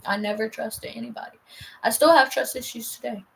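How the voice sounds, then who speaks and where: A woman's voice: a little high, fairly quick, vocal fry, poor audio. A young woman casually telling a personal story on a vlog, heated and profane, rambling with lots of fillers and restarts.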